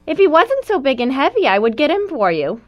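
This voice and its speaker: Storybook mother stork: high, animated delivery, brisk and obliging. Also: dull audio. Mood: doubtful but willing. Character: helpful, brisk mother stork, a big bird. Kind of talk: children's storybook character reading.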